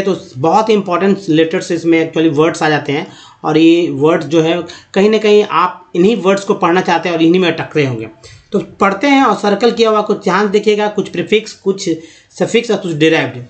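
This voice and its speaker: A man with an Indian accent teaching English reading, spelling words letter by letter and sounding them out slowly. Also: high voice. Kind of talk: Hindi-language lesson on reading English aloud.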